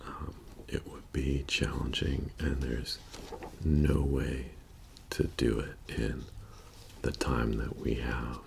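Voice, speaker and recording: A man in an ASMR role-play as a methodical bank heist planner, speaking in a soft-spoken, halting and matter-of-fact murmur. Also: extremely low pitch, level tone, vocal fry, slight background noise, full character voice. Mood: calm, methodical. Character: methodical male bank heist crew planner briefing his team.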